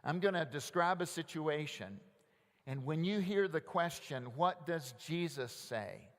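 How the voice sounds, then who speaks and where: A man preaching a sermon as pastor, asking rhetorical questions and leading the congregation in call-and-response, often dropping soft and low. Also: lively intonation, unhurried. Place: large church sanctuary. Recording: long church reverb.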